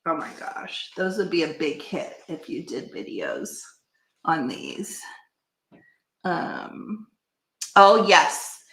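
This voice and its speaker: A woman chatting excitedly as she opens gifts on her craft vlog, gasping and exclaiming often. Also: sits low, slow pace, long pauses. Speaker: craft vlogger. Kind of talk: casual unboxing chat. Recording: echoey room.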